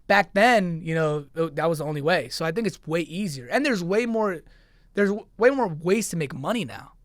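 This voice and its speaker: A man's voice: on the high side, expressive, normal speed, dry recording. Chatty young man, dry studio sound. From Queens, New York. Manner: loose and chatty, lots of "like" and "you know". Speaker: podcast guest, content creator. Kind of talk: casual interview chat. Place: podcast studio.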